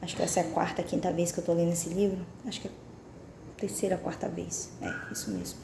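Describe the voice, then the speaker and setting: Woman, low warm voice; devotional book reading with reflective, confessional asides, in a roomy space. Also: expressive, fairly quick, creaky, background noise. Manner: reflective, confessional, asks the listener direct questions. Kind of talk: reading a book aloud with personal commentary.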